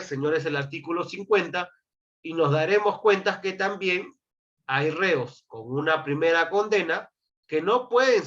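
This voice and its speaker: A man's voice: a little high, fairly bright tone, muffled recording. A man giving a law class, reading statute articles aloud and prompting his students to answer. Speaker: law lecturer. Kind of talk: classroom lecture.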